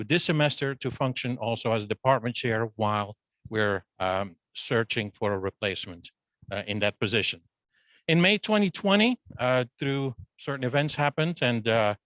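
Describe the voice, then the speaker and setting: A Belgian business school dean, middle-aged and speaking with a Flemish accent from his native Dutch, introduces himself informally at a student meeting that includes a Zoom link. His mid-range voice is a bit bright, and he restarts sentences with fillers. He holds a handheld microphone, and the recording sounds dry.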